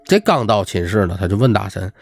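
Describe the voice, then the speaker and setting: Lively man telling a ghost story. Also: on the low side, fairly quick, creaky, dry recording, studio quality. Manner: lively, chatty, acts out quotes. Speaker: storyteller host. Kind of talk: casual ghost-story narration.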